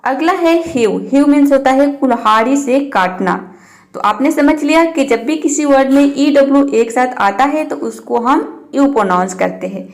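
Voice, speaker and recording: A woman with a high voice teaches pronunciation as a patient lesson. She spells out letters, then says each example word slowly, often twice, before explaining its meaning. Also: expressive. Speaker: English teacher. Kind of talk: Hindi-language pronunciation lesson.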